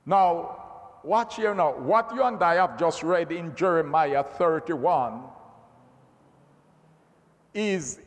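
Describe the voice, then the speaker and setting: Slow, emphatic male preacher in a reverberant hall. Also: fairly high pitch, expressive. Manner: slow, emphatic, repeats words. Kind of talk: Bible teaching.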